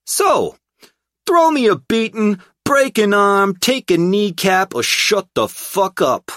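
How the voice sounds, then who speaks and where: A cocky, contemptuous mob lawyer, put on by a male narrator, barking his lines high and loud. His voice jumps around with scorn, and the recording is dry and close. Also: lively intonation, takes it slowly, dry recording, exaggerated voice. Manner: loud, sneering, dismissive.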